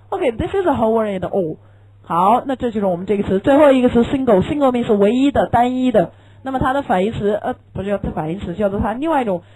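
A Chinese-native woman teaches an English lesson in a slightly high, husky voice with a dark tone. Her lecture is patient, full of rhetorical questions and repeated key phrases, though the recording quality is low.

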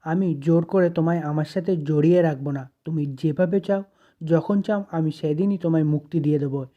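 A narrator reading the lines of a calm, self-sacrificing elder brother and husband in their own plain voice. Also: male voice, a little high, fairly quick, muffled recording, lightly acted. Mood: gentle. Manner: gentle, reassuring lines read plainly.

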